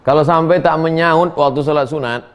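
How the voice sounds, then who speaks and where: Brisk and clear, this middle-aged preacher's fairly high voice has a resonant tone. He responds to audience questions with folksy humor and lively stories in a comic sermon.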